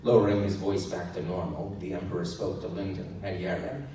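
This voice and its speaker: A man reads fiction live to an audience at a meetup, performing dramatically with character voices, like an audiobook narrator. His voice is low, steady, mellow and a little fast. The room is echoey and noisy, recorded from far off, with audience laughter and room noise.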